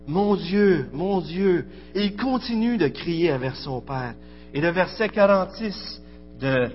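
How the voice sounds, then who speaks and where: Preacher, a man with a raised, higher voice, emphatic swells, dull recording, faint music behind. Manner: emphatic, rising and falling preaching cadence. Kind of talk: sermon.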